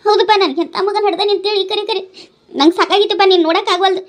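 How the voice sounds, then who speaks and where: A woman's voice: high voice, rapid-fire, natural voice. A woman voicing a scolding old village mother. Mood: tearful. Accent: North Karnataka Kannada. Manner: nagging, pleading, tearful. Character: older village mother, widowed, scolding her drinking son.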